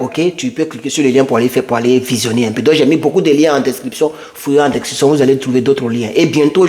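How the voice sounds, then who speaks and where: A man's voice: mid-range voice, darkish tone. A man vlogging immigration news from his home computer, talking straight to his viewers in a loose, rambling way and sliding from English into French. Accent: non-native English, French-speaking. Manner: switches between English and French, addresses viewers directly, rambling. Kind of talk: casual informal vlog. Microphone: computer microphone.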